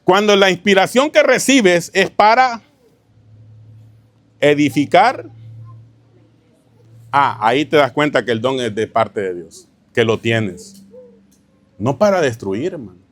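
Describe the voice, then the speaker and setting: A man with a fairly high voice preaches a teaching sermon to his congregation. He keeps checking whether they follow him and calls them brother. He tells stories in an easy, informal way. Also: sing-song, takes it slowly, pauses often, fairly bright tone, dry recording. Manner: keeps asking the congregation rhetorical questions, addresses them as "hermano". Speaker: pastor.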